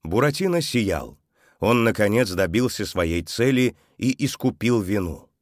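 A male storyteller with a low, deep voice reads a children's tale aloud. His delivery is expressive and grows softer at the sad moments, recorded close and dry. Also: a little slow, no echo. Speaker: narrator.

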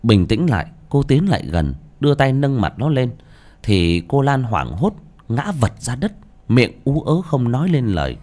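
A man giving dramatic, expressive scripted narration of a horror story. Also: medium pitch, normal speed. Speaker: audiobook narrator.

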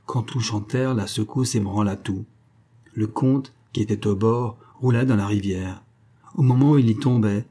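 A man narrates an audiobook with a low, dark, husky voice. He reads at a measured, even pace in a literary style.

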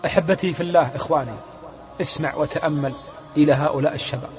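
A man telling a story in a fervent sermon, moving between hushed and loud delivery, recorded with long reverb. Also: a little high, racing, faint music behind. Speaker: preacher.

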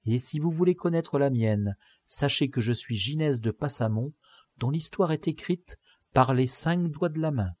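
A man's voice: mid-range voice, lively intonation, moderate pace, a little mellow, dry recording, voice pushed up, close to an everyday voice. A man voicing a proud, sly male convict who answers in a glib, mock-polite way. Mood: sardonic.

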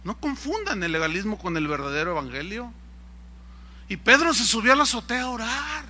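A man, a pastor preaching a sermon in an animated, ironic way, firing rhetorical questions at his congregation. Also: sits high, brisk.

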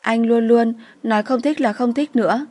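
Woman narrator voicing a fearful, tearful young woman, higher than her narration, shaky and pleading. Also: flat delivery, brisk, a little mellow, close to an everyday voice. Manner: trembling, pleading.

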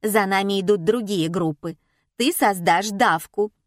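A woman's voice: mid-range voice, unhurried, dry recording, studio quality, natural voice. A woman reading an audiobook and voicing a curt, commanding female tour guide.

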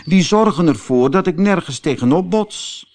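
A man's voice: sits high, expressive, moderate pace, a little mellow, voice pushed up. A man voicing a lonely, sad male snail without a shell, in a plaintive, sighing storybook voice. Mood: earnest.

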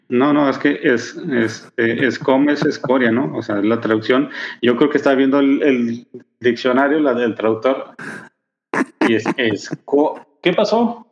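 Podcast cohost guy, mid voice, chimes in with "ujú" and explains calmly, kinda dull lo-fi sound. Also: mid-range voice. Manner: short agreeing interjections, measured explanations. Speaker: podcast co-host. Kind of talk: casual comic-book discussion podcast.

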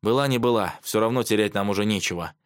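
A man voicing a calm schoolteacher giving steady instructions to pupils in an audiobook. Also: lowish voice, quick pace, smooth, dry recording, studio quality, close to an everyday voice.

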